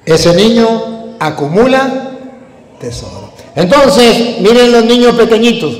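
A priest giving a wedding-mass sermon, emphatic and full of rhetorical questions. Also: male voice, very high voice, animated, takes it slowly. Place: church during a wedding mass. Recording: echoey church hall.

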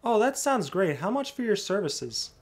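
A man's voice: high-pitched, very animated, normal speed. A man voicing a nervous, naive and eager young errand-runner, stammering and gushing as he role-plays through a video game. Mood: timid, pleased. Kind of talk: role-play gameplay commentary in character.

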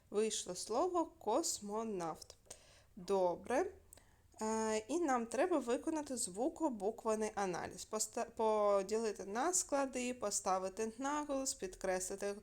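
A woman teaching a primary school lesson by video, clear and patient, asking questions and answering them herself. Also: a little high, a little mellow.

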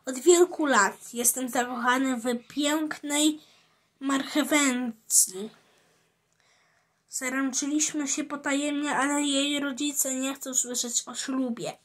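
A woman's voice: high-pitched, steady tone, takes it slowly. A woman reading aloud as a boastful, lovestruck male cook, stumbling over words now and then. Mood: confiding. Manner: reads the lines with slips and fillers.

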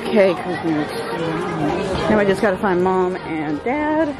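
A woman's voice: on the low side, slow pace, over a noisy crowd, rough recording. A woman, chatting casually to viewers as a cruise vlogger, filming on a handheld phone. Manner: chatty, addresses viewers directly, upbeat. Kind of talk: casual vlog narration. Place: cruise ship and terminal, then car. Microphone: handheld phone camera at arm's length.

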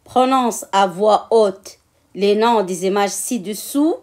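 A woman's voice: medium pitch, slow pace, a little mellow. A woman teaching in a patient classroom manner, repeating words and counting their syllables aloud. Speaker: French teacher. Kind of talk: slow classroom instruction.

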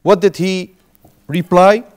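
This Arabic teacher, a man in his thirties, has a high, darkish voice with fairly even intonation and a slow delivery. He patiently repeats and explains every word during a language class held in a small indoor classroom with a whiteboard.

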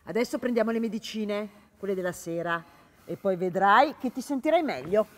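An actress on a theatre stage playing a patient adult daughter who speaks gently and coaxingly to her father. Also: medium pitch, expressive, moderate pace, a little hiss or hum, lightly acted. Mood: soothing. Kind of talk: stage play acting.

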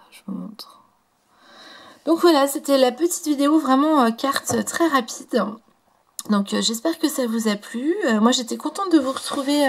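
A woman hosting a casual craft tutorial, talking through each step in a chatty, soft-spoken way and murmuring quietly as she works. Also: on the high side, vocal fry.

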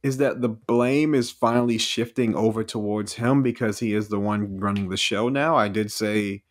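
A man's voice: lowish voice, fairly even intonation, moderate pace, dry recording, clean studio sound. A man chatting on a podcast, informal and emphatic, with slangy asides. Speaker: podcast guest. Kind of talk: casual podcast chat.

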